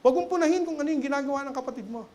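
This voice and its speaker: Middle-aged Filipino man as a lay preacher, high-pitched and animated, with playful humor. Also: rapid-fire. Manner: animated, humorous, keeps adding a questioning tag to his phrases. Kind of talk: sermon. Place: church sanctuary.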